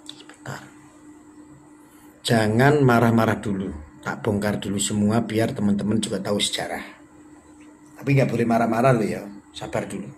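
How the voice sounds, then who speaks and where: A man's voice: steady tone, normal speed, pauses often, a little hiss or hum. A man, hosting a rambling live stream and answering viewer comments in a sarcastic, mock-boastful way, his voice leaping up and dropping without warning. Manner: sarcastic and mock-boastful, with sudden jumps in pitch and volume.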